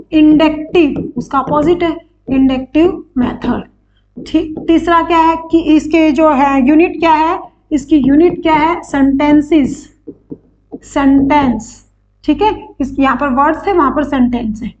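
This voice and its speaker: A woman teacher explaining an exam-prep lesson, asking questions and answering them herself, drawing out key words slowly. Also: high voice, darkish tone, muffled recording.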